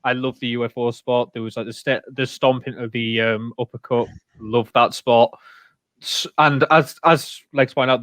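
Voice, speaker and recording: A man co-hosting a podcast in casual chat, excitable and quick to laugh. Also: mid-range voice, no room sound. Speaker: podcast co-host.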